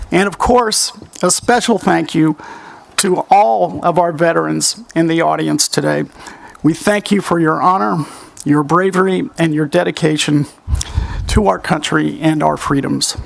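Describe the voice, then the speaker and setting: A man giving formal ceremony remarks as master of ceremonies, speaking in measured, courteous tones at a lectern microphone. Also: fairly high pitch, vocal fry, rough recording.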